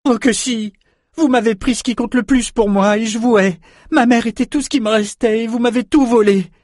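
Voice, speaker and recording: A man's voice: extremely high pitch, steady tone, normal speed, darkish tone, no echo, clean studio sound, voice pushed up. A man voicing a furious, grief-stricken young female magician in an audiobook, screaming accusations. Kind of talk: audiobook character voice.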